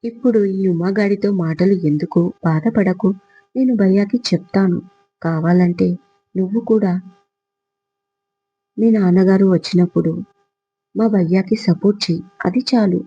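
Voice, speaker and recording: A man voicing a confident young male friend who gives brisk, bossy, reassuring advice, in a storybook reading. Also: high voice, husky, highs cut off. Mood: dismissive.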